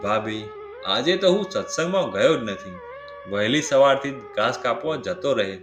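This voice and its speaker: A man's voice: mid-range voice, expressive, moderate pace, close to an everyday voice. A man voicing a humble, devout young man who speaks meekly. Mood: pleading. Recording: roomy with clear music behind.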